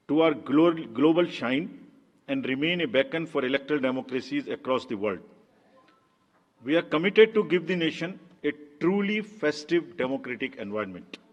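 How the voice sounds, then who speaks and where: A man with an Indian English accent giving a formal press conference speech as an election official, measured and deliberate, with pauses and restarts. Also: fairly high pitch. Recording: long hall reverb.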